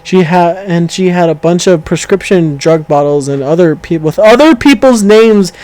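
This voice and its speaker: A man with a fairly high voice reads a story aloud in a casual, unpolished way. He trips over words and backs up to fix them, speaking into a home mic over an online call. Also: normal speed, mellow, no echo, rough recording. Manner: reads aloud with stumbles, self-corrections and laughter. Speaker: co-host reading stories aloud. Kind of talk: casual reading of online stories.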